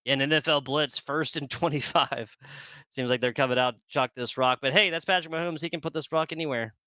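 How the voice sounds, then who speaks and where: A man calling a video game football match as play-by-play commentator, chatty and quick to laugh. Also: a little high, bright, forceful tone, dry recording. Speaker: esports commentator.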